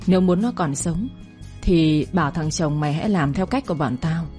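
A woman's voice: low voice, moderate pace, warm tone, faint music behind, close to an everyday voice. A woman voicing a cold, menacing male kidnapper who issues clipped threats in a story reading.

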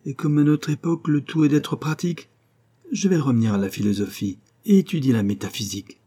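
A man's voice: medium pitch, a little fast, warm tone, husky, voice pushed up, natural voice. A man reading the lines of an earnest young male student in a storybook. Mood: bitter.

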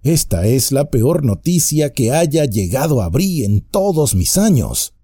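A man's voice: mid-range voice, big pitch swings, unhurried, mellow, breathy edge, no room sound, pitched above the performer's own voice. A man voicing a nervous, fussy, stout male innkeeper who talks anxiously and at length. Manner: flustered, anxious, talkative.

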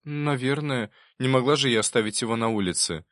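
A man's voice: medium pitch, fairly quick, fairly bright tone, no room sound, studio quality, pitched above the performer's own voice, lightly acted. A man reading an audiobook, voicing a timid young woman on the witness stand in a lifted, hesitant voice.

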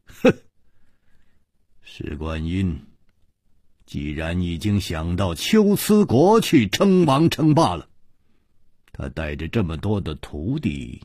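A storyteller giving voice to a composed, clever hero who lays out his reasoning with a faint sneer. The delivery is slow and low, with a husky grain and dry close sound. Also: big pitch swings, a little mellow, dry recording, exaggerated voice. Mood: cool. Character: calm, shrewd male hero, cool and cutting.

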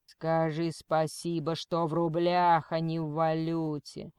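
A woman voicing a cold male kidnapper who threatens slowly and quotes scripture. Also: deep voice, level tone, darkish tone, clear, resonant tone, no echo, studio quality. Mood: menacing. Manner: slow, menacing, preachy.

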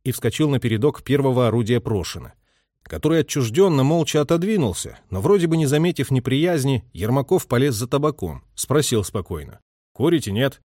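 A man reading a literary war story aloud with expressive, dramatic narration. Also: medium pitch, a little fast, dry recording, studio quality. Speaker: audiobook reader.

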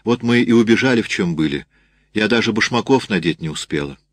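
A man speaking as a thin, frightened young peasant mother, her answers halting and subdued. The voice stays low and dry, close to the mic. It sounds like a storybook reading. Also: lively intonation, dry recording. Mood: timid. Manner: timid, halting.

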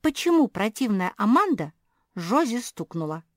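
A woman's voice: on the high side, very animated, moderate pace, no echo, clean studio sound, voice pushed up. A woman voicing a defiant, fiercely loyal female pug puppy in an audiobook.

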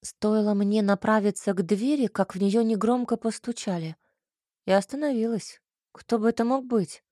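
A woman's voice: mid-range voice, moderate pace, mellow, no echo, studio quality. A woman steadily narrating a first-person fantasy audiobook.

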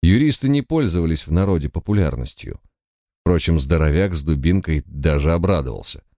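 Man, audiobook narrator, very deep voice, mellow tone, dry close sound, measured. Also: lively intonation, no echo. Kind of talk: scripted narration.

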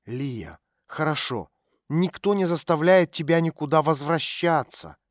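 A man voicing a calm woman private detective who speaks quietly and gently to coax a runaway girl. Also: on the high side, a little slow, dry recording, studio quality. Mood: soothing. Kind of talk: audiobook character voice.

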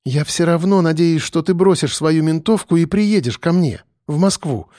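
A male reader voicing a young woman who is sad but stubborn, speaking softly and pleadingly in an audiobook. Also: fairly high pitch, normal speed, dry recording, clean studio sound, voice pushed up, lightly acted. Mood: hopeful. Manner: soft, pleading and strained. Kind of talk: audiobook character voice.

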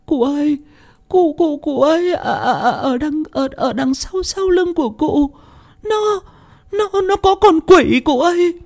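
A man's voice: extremely high pitch, animated, measured pace, vocal fry, a little mellow, pitched above the performer's own voice, full character voice. A man voicing a terrified young village servant woman who stammers and pleads in panic.

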